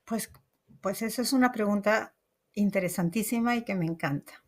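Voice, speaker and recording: A woman's voice: medium pitch, moderate pace. A middle-aged woman, a psychotherapist guest in an interview, telling stories expressively, with many restarts and quoted speech acted out. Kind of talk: conversational interview.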